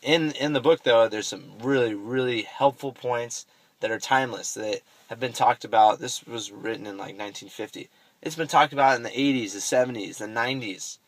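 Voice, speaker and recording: A man's voice: mid-range voice, moderate pace, no echo. A young man giving a casual, rambling self-help monologue, full of fillers and swearing. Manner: rambling, profane, with many fillers. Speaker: vlogger.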